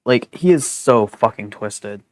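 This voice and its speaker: A man's voice: on the low side, expressive, unhurried, a little mellow, dry recording. A man live-streaming a game, chatting casually with swearing and rambling asides.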